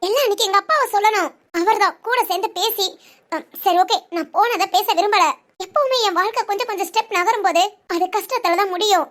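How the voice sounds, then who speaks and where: A performer voicing a bitter, defiant young bride who answers in sharp, curt retorts. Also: extremely high pitch, quick pace.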